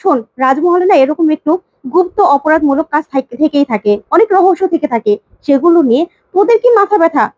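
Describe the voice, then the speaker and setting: A woman's voice: high-pitched, lively intonation, fast, a little mellow, no echo. A woman voicing a worried scolding mother. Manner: pleading, scolding. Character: worried mother scolding her grown son.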